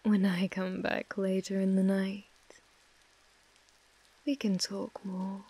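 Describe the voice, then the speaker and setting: A woman's voice: mid-range voice, mellow, a little hiss or hum, rough recording. A British woman playing an obsessive mafia heiress who speaks with controlling, condescending affection in an ASMR role-play. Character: possessive, obsessive female mafia heiress, menacingly tender captor.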